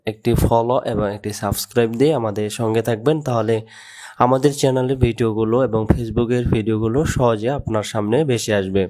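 A man with a Bangladeshi accent teaching Quran pronunciation, who speaks slowly and deliberately and draws out the Arabic words. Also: medium pitch, warm tone. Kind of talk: religious lesson on Quran pronunciation.

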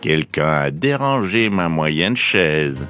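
A man voicing a fussy middle-sized bear in a children's storybook, with a plaintive, lively pitch. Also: slow pace, faint music behind, exaggerated voice. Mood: complaining.

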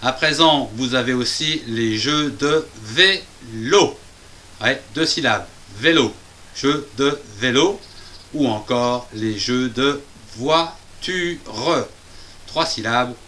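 A man's voice: mid-range voice, slow pace, sharp tone, slight background noise. A man presenting a children's reading lesson, spelling words out syllable by syllable with playful, chatty asides.

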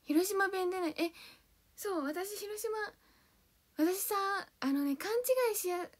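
With a very high voice and a measured pace, a young idol livestreamer chats casually and giggles bubblily. She reads each viewer's comment aloud and thanks them in turn. Her roots: born in Hiroshima, now from Kanto, Japan.

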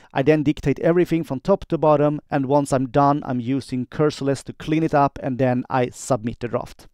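A man dictating text and voice commands in short phrases as he demonstrates software. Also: mid-range voice, smooth, dry recording, clean studio sound. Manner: dictating in short clipped phrases, speaking punctuation and commands aloud.

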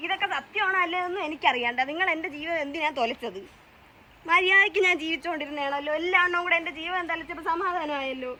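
A woman's voice: very high voice, fast talker, sharp tone. A Malayali woman arguing, accusing and upset. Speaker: wife confronted in prank. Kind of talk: heated confrontation.

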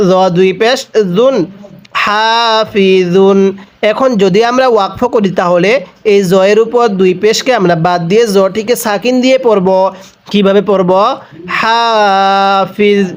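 This Quran teacher from Bangladesh speaks in a high voice at a normal pace. He breaks words into single syllables with patience and asks the listener to repeat after him in a slow, spelled-out recitation lesson.

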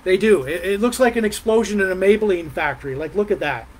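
A middle-aged man with a high voice hosts a live music and beer review vlog, rambling casually in a live chat from a small decorated room at home. His delivery is halting and meandering, full of pauses and "mm" sounds, with slight background noise.

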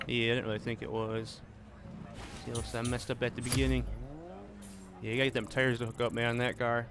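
During a live racing game stream, a man answers viewers and chats while driving, his mid-range voice monotone and brisk. Loud car engine noise from the game lies over his speech.

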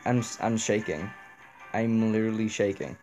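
A man's voice: lowish voice, normal speed, darkish tone, faint music behind. A young man playing a horror game, reacting nervously and swearing as he talks through it. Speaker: gamer.

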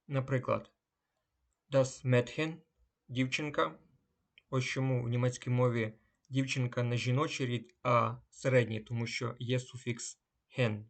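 A man teaching a language lesson, drawing out each German example word before giving its meaning. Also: medium pitch. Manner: slow, drawn-out German example words. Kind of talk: unhurried lesson.

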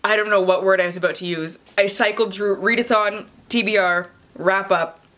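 Surrounded by bookshelves indoors, a young woman vlogs casually about books, interrupting herself, cursing liberally and giving dramatic blurb readings. She speaks at a normal speed in a mid-range, fairly bright voice with fairly even intonation.

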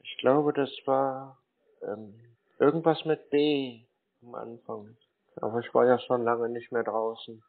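This man, a prank caller taking a scammer's call, has a medium-pitched voice with fairly even intonation and an unhurried pace. He sounds bewildered, naive and hesitant as he stalls, and the phone audio is tinny and narrowband.

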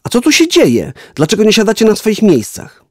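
A strict but kind schoolteacher speaks firmly to her class, as a male storyteller puts her on. The sound is close and dry, with no room around it, and she moves from scolding to calm, thoughtful lessons. It is a plain storybook reading for children. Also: medium pitch, a little fast, no room sound, lightly acted. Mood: puzzled. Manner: strict, then gently instructive.

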